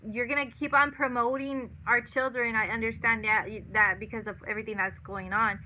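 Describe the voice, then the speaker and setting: A woman's voice: a little high, steady tone, fairly quick, pushed and bright, low-quality recording. A woman in her thirties hosting a casual live chat, answering viewers and repeating herself with lots of "you know" and "like". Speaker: livestream host.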